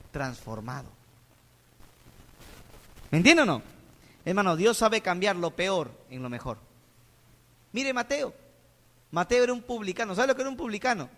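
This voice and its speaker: A Peruvian man preaches from the pulpit, his voice pitched high for a man. He keeps pressing the congregation with questions. The sound rings out with a long reverb through the church hall. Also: fairly bright tone. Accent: Peruvian Spanish. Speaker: pastor. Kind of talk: sermon. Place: church sanctuary.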